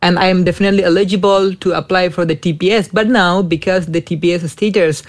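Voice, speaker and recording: A young man from Myanmar answering interview questions earnestly, with halting phrasing and a pleading tone. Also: sits high, steady tone. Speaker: interview guest, student.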